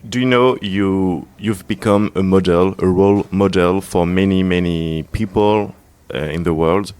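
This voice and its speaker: A man's voice: deep voice, steady tone, a little slow, darkish tone, clear, resonant tone. A man interviewing a guest for a radio show, asking short, friendly questions. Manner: friendly, simple questions, brief acknowledgements.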